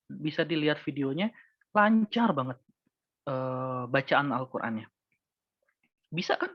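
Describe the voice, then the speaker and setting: A man's voice: fairly high pitch, dry recording, lo-fi sound. A man teaching Quran memorization in a casual, earnest webinar talk, sometimes acting out imagined older learners.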